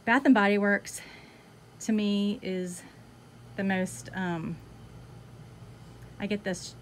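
A chatty woman runs through a long list, one item after another, with plenty of fillers. Her voice sits at an ordinary middle pitch, and she sounds a little out of breath. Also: steady tone, slow pace, slight background noise. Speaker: candle collection vlogger. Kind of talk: casual chat, listing items.

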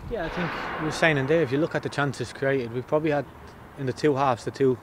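Standing outdoors by the pitch after a match, a man in his thirties, a footballer, answers interview questions in plain language, repeating words while he gathers his thoughts. He talks fast, and the background is noisy.

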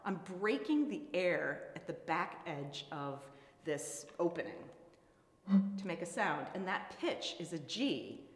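A woman's voice: fairly low pitch, very animated, slow. A woman flutist presenting a lesson, explaining in an enthusiastic, playful way. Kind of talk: educational presentation. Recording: echoey room with long reverb.

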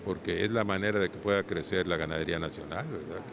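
A Mexican cattle breeder in his seventies answers interview questions on a handheld microphone, frequently adding short tag questions to check in. His voice sits low and he talks fast. The setting is a large indoor livestock exhibition hall, and the show floor is noisy.

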